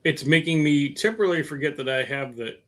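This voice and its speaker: Speaking fast in a somewhat bright, higher-leaning voice, this middle-aged man runs a laid-back live stream on his car projects. He wanders off topic, pokes fun at himself, uses plenty of fillers, and reads viewer comments aloud.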